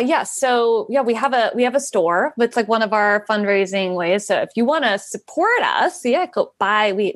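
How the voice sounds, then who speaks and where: A woman guest with a mid-range voice talks about founding a nonprofit in casual interview answers. She rambles, using many fillers and restarts, and the recording has no echo.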